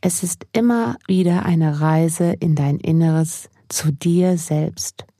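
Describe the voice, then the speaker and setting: Female sleep meditation narrator for a mindfulness podcast: mellow, dark timbre, slightly husky, gentle and unhurried, close dry sound. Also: sits low, no room sound. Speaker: podcast host, mindfulness coach.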